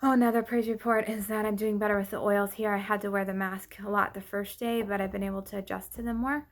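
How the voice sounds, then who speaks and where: Breathless woman with a creaky voice. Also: medium pitch, level tone. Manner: halting, trailing off and losing her thread. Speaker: vlogger giving a personal update. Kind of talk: casual unscripted update to followers.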